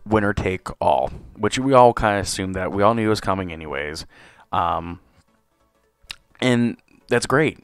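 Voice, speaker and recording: A man hosting a solo podcast review, talking casually with lots of fillers and swearing, his voice a bit hoarse. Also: deep voice, dry recording. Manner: rambling, profane, with many fillers. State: slightly hoarse. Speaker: podcast host.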